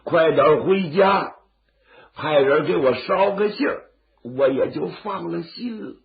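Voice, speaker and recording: A kindly, anxious old peasant acted out by a male storyteller speaks in a gravelly Northeastern Chinese accent. His dramatic lines are drawn out and plaintive, climbing high in pitch on a slightly muffled recording. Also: slow pace. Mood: tender.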